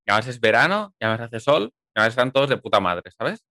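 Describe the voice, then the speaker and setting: A man from chatting casually about a film, lively and emphatic, with casual swearing. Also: mid-range voice, fast talker, no room sound, studio quality.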